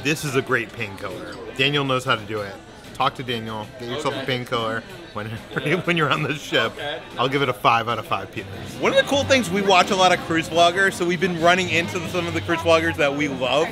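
Easygoing male co-host, mid-pitched, relaxed explainer, music behind. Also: fairly quick. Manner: relaxed, explanatory, light humor. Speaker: travel vlog co-host. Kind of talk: casual chat and voice-over narration.

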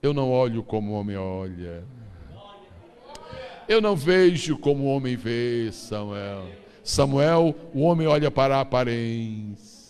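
A solemn, emphatic God figure, as a preacher puts him on, speaking with a gravelly edge. The words ring out in the long reverb of a big church hall. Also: male voice, medium pitch, animated, measured pace, a little mellow. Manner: emphatic, repeating the listener's name. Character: God, solemn male divine voice teaching.

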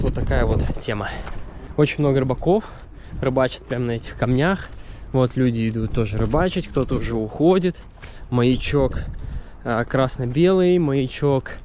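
Outdoors by a harbor on the sea, a travel vlogger in his thirties rambles on while walking, holding his camera out at arm's length. His voice is medium-pitched and mellow, though the audio sounds dull. Wind and street noise are audible.

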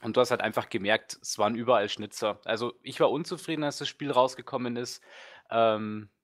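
A man's voice: mid-range voice, steady tone, a little fast. A man, a guest let's player, chatting casually and rambling with lots of fillers and strong opinions. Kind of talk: casual podcast chat.

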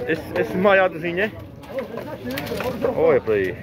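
A crowd murmurs as a Northeast Brazilian farmer, his voice fairly high with big pitch swings, unhurriedly vlogs a casual tour of an outdoor cattle market. He holds a phone camera and chats along, leaning on tag questions like "né" and "pessoal." Cattle and vehicle noise fills the outdoor setting.

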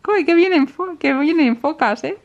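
A woman's voice: high-pitched, expressive, moderate pace, dull audio. A woman in her twenties with a Spain Spanish accent, chatting casually and exclamatorily on a family vlog recorded in a bedroom at arm's length. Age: 20s. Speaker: family vlogger. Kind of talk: casual chat. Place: bedroom at home, indoors. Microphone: camera at arm's length. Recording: clear background noise, handheld home video.

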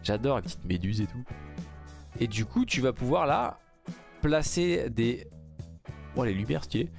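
A man giving casual, excited commentary while reacting to a game trailer, rambling with many fillers and restarts. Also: mid-range voice, unhurried, vocal fry, soft background music. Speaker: gaming YouTuber reacting to a trailer.

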